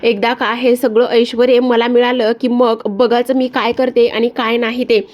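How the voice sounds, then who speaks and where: A scheming young woman, defiant and mocking, set on taking a family's wealth, as a woman storyteller reads her lines. The voice sits a little high. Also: little pitch movement, moderate pace, dull audio, lightly acted. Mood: gloating.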